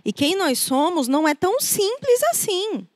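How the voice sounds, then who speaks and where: A woman's voice: very high-pitched, sing-song, normal speed, darkish tone, dry recording, studio quality. A woman with a Brazilian Portuguese accent preaching a conversational sermon, acting out quoted voices as she goes. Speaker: preacher and therapist.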